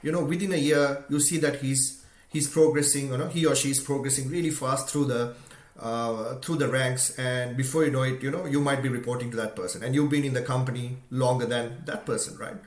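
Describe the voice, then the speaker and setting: A Sri Lankan man, a motivational speaker, gives an earnest, conversational talk peppered with "you know" and "right?". His medium-pitched voice is brisk with fairly even intonation, and the room sounds echoey.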